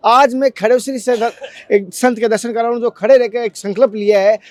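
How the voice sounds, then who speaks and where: Man, high voice, devotional vlog host, earnest and repetitive, dry close sound. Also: steady tone, a little fast, no echo. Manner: fervent, repetitive, addresses viewers as friends. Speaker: devotional vlogger and interviewer.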